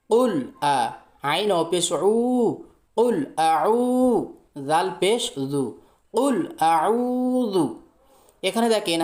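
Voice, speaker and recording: A patient Quran teacher walks learners through each letter and vowel, step by step, drawing the vowels out long when modeling the recitation. The voice sits mid-pitch, and the recording carries a noticeable echo. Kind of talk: spelling out recitation lesson.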